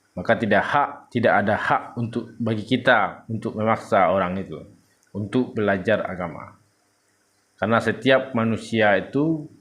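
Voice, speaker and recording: A man teaching Quran reading for adults, drawing out each syllable as he recites and then explaining in brisk asides. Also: lowish voice. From Indonesia. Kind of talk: slow recitation lesson.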